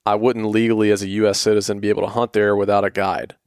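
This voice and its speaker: Male podcast co-host from Atlanta, lowish voice, joking banter, dry close mic. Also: flat delivery, fast, a little mellow, smooth, no echo. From Atlanta, USA. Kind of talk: casual chat.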